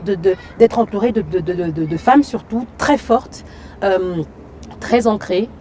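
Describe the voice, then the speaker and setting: A woman from Cameroon, a stage actress and singer, talks casually as an interview guest outdoors in a city. Her voice is warm and mellow at a middle pitch. She talks in a lively way, leaning on fillers and checking in with "you see". A faint hum of traffic sits behind her. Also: a little slow. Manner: lively, frequent fillers and "tu vois".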